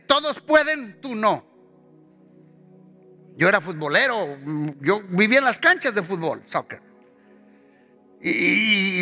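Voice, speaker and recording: A man preaching a sermon with passion, repeating phrases and climbing in pitch as he acts out quoted voices. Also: pushed and bright. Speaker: pastor.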